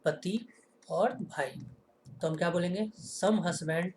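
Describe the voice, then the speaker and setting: Here a high-pitched man with a darkish tone teaches in the manner of a classroom, with slight background noise behind him. He asks rhetorical questions, answers them himself, and slows down to stress each example sentence.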